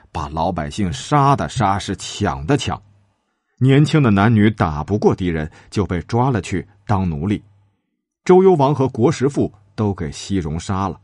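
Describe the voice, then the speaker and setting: Lively male storyteller with husky voice. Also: dry recording, studio quality. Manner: lively, dramatic, shifting pitch for characters. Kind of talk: storytelling narration with acted character lines.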